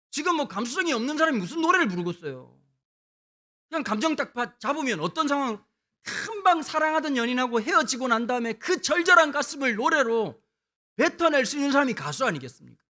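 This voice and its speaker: A middle-aged man from Busan, preaching a lively revival sermon with humorous storytelling, swinging between hushed and loud. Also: very high voice. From Busan, South Korea. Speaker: guest pastor.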